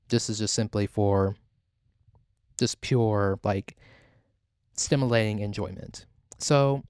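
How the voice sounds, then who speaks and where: Low-voiced man chatting casual celebrity gossip. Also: smooth, no room sound, studio quality. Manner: rambling, halting, heavy use of "like". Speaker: podcast host.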